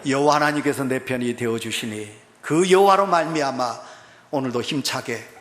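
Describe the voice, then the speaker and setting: A man's voice: mid-range voice, normal speed, fairly bright tone. A male pastor with a Gyeongsang Korean accent, preaching an emphatic, fervent sermon. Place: church sanctuary. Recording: echoey church hall.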